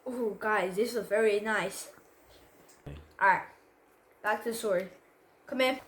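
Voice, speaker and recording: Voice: mid-range voice, a little slow, a bit bright, a little hiss or hum. A child presenter talks informally to young viewers and reads a story, in a playful, chatty way. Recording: echoey room.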